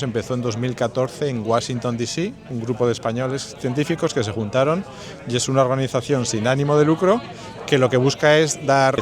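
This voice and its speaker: A man from Spain, a scientist, answering interview questions in long explanatory runs. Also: medium pitch. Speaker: scientist and association organizer. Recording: outdoors with crowd chatter behind.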